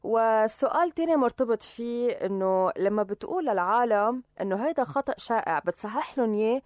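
Casting: a female interviewer with a Lebanese accent. Her voice is fairly high and her speech fast and curious, in a dry room. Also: animated, a little mellow, dry recording. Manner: conversational, inquisitive. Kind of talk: casual interview questions.

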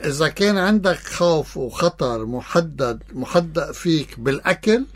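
A man's voice: fairly high pitch, lively intonation, moderate pace. A man with a Lebanese accent, a psychologist guest on a radio show, explaining in plain terms and tossing in rhetorical questions. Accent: Lebanese Arabic. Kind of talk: radio interview.

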